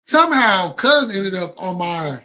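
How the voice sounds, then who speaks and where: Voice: medium pitch, sing-song, unhurried, sharp tone. A live stream host chatting casually with viewers in informal, slangy speech peppered with swearing.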